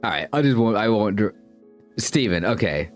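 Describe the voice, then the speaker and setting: Soft background music plays as a young man chats with his stream viewers at a moderate pace, his fairly low voice animated. He rambles and seems self-conscious, frequently stumbling and restarting his sentences.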